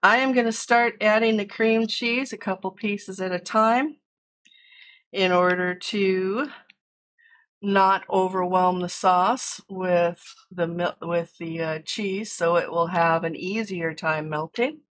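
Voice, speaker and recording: American woman, cooking stream host, chatty and explanatory, slow easy delivery. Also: mid-range voice, steady tone, a bit bright. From United States. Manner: chatty, explains steps while cooking and answers chat. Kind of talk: casual cooking livestream chat. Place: home kitchen.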